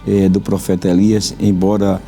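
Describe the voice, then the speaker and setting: Fervent preaching man, mellow voice. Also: deep voice, flat delivery, normal speed, vocal fry, faint music behind. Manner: fervent, repeats phrases for emphasis. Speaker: pastor, program host. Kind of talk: religious talk show, preaching.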